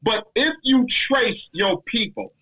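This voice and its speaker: A man in a casual discussion, talking in an emphatic, slangy, animated way as he answers a question. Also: sits high, slow pace, breathy edge, rough recording.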